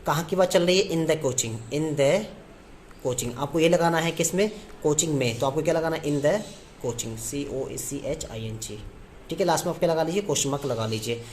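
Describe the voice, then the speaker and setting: A male tutor walks through grammar one step at a time, putting questions to the class and answering them himself. He drags out each example sentence word by word. A faint hiss sits under his voice. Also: a little high. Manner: repetitive question-and-answer teaching, slows down to spell out English phrases. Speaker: English teacher. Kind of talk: classroom lesson in Hindi.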